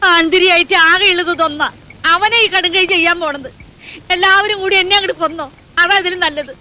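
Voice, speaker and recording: A woman's voice: extremely high pitch, a little fast, sharp tone, heavily acted. An actress playing a melodramatic, nagging mother in a comedy film, lamenting. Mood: wailing. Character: wailing, melodramatic middle-aged mother. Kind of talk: Malayalam comedy film acting.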